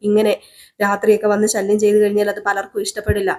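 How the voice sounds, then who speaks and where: A woman's voice: medium pitch, completely flat delivery, fast, close to an everyday voice. A woman voicing a young mother who is bitter, scornful and fiercely protective of her daughter, in a serial recap. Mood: defiant. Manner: sharp, scornful.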